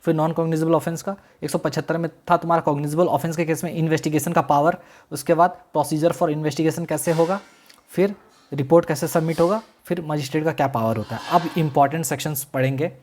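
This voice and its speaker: Guy teaching law, says terms slow for notes and keeps asking the class to repeat. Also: on the high side, steady tone, a little mellow. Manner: repeats key terms slowly for dictation, quizzes students; mixes Hindi with English legal terms. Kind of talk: classroom-style lecture.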